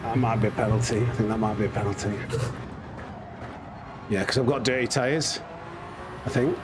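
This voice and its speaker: Speaking at a moderate pace in a lowish, fairly even voice, a live streamer hosts a sim racing stream with clear car engine noise from the game behind him. He gives casual commentary, muttering critiques of his own driving and addressing both himself and his viewers.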